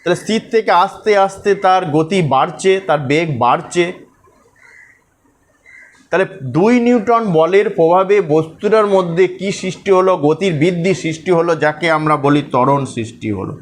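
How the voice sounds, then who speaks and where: A man's voice: sits high, normal speed. A man teaching a school physics lesson, working through forces step by step and checking that pupils follow.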